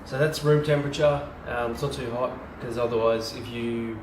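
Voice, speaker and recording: This home brewer talks at a moderate pace in a medium-pitched, steady voice, giving an unscripted, casual how-to full of fillers, ums and restarts. His distant camera mic sounds roomy and picks up noticeable background hiss.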